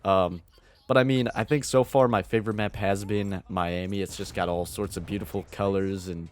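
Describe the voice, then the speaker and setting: Low-voiced man, groggy morning commentary. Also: fairly even intonation, moderate pace, dry recording. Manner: easygoing, chatty. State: early-morning voice. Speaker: gaming video creator. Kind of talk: gameplay commentary voice-over.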